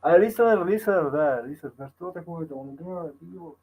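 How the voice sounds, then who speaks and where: A man teaching piano over a video call, halting and hesitant, often scatting rhythms on syllables to demonstrate. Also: on the high side, darkish tone, poor audio. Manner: halting, hesitant speech that falls back on another language. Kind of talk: online music lesson.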